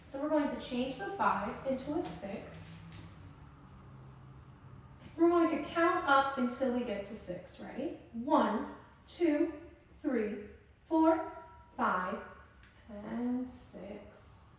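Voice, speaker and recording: With a high pitch and lively intonation, a woman teaching young children at circle time encourages, instructs and pauses to draw answers from them. The distant mic picks up heavy echo from the indoor room, plus a little hiss or hum.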